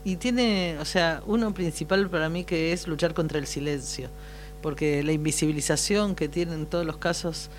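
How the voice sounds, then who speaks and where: A man with an Argentine Spanish accent hosting a community radio show, talking thoughtfully and pausing with fillers. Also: fairly high pitch, a little hiss or hum. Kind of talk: casual radio talk.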